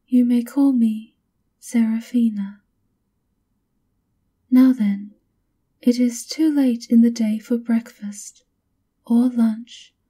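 A woman whispers through an ASMR roleplay as the obedient, coolly formal maid of a vampire countess, her words soft, polite, measured and breathy. Her pitch is a little high, and she commits fully to the character voice.

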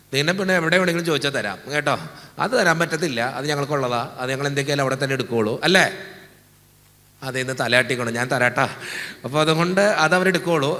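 A man's voice: fairly high pitch, sharp tone. A man, a Keralan priest, preaching a casual, teasing sermon and leading his congregation in call-and-response. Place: church. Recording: echoey hall.

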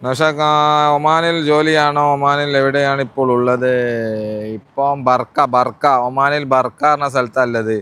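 A man's voice: medium pitch, level tone, measured pace, a bit bright, smooth. A man with a northern Kerala Malabar accent chatting casually as a live-stream vlogger, greeting viewers and repeating his phrases and questions. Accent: northern Kerala (Malabar) Malayalam. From Kozhikode district, Kerala, India.

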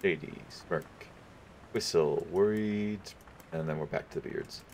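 Sitting low and a little slow, his voice has a darkish tone, and a faint hiss or hum runs underneath. As a gaming video host, he casually thinks aloud about which options to pick, chuckling now and then.

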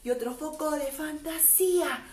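A woman's voice: high-pitched, normal speed. A woman preschool teacher leading a class routine with chants and action songs in a sing-song voice. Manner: animated, chanting and singing action rhymes. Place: classroom with children. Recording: roomy sound, mic at a distance.

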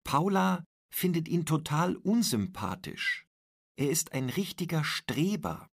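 Male narrator for learner stories, slow deliberate reading, gravelly and husky. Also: on the high side, big pitch swings, no room sound, clean studio sound. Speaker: reader.

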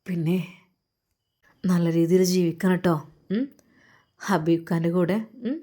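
Woman doing a gentle young teacher soothing his sister. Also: fairly low pitch, steady tone, measured pace. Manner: soothing, coaxing.

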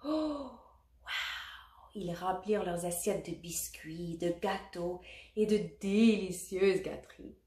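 A woman reading a children's picture book aloud, expressive and adding little asides for children. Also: lowish voice, unhurried. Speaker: storybook reader. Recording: roomy echo.

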